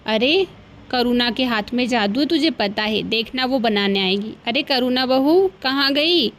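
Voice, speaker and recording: A crafty older mother-in-law, put on by a woman storyteller in a cartoon tale. She coaxes and flatters in a fairly high voice. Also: measured pace, a little hiss or hum. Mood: coaxing. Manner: coaxing, heaps on flattery. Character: scheming sweet-talking old mother-in-law.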